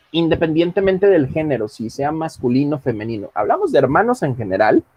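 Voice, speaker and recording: Lively male teacher. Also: fairly high pitch, no room sound. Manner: explains slowly in Spanish, reads English lines carefully. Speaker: English teacher. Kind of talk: online class, teaching.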